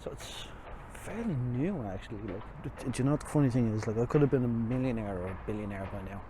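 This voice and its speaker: Irish man, medium pitch, speaking through a face mask, rambling casual tour vlog, outdoor recording, noticeable traffic noise. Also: expressive, quick pace. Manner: rambling, self-deprecating. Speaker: walking tour vlogger. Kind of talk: casual walking tour commentary. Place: outdoors on city streets by a river. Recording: noisy outdoor street, traffic ambience. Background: street and vehicle noise.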